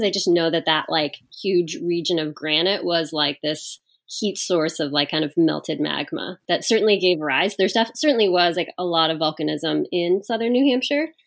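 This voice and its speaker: A woman's voice: on the low side, moderate pace, few pauses. A woman who is a science guest on a podcast, talking casually with plenty of fillers. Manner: loose and chatty, many fillers.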